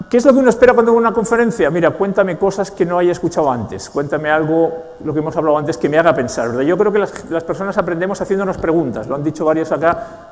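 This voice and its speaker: In a large event hall, a man from the Basque Country, Spain, jokes his way through an ironic keynote for a business crowd. His Spanish-accented voice is a little high and slightly mellow.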